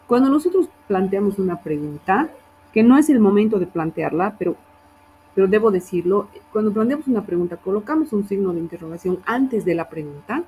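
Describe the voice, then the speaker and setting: Woman teacher going over student work, warm mellow voice, little hiss behind, keeps asking "right?". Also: mid-range voice, rough recording. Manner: corrective, checks in with frequent "¿sí?" and "¿no?". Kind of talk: reviewing student work in class.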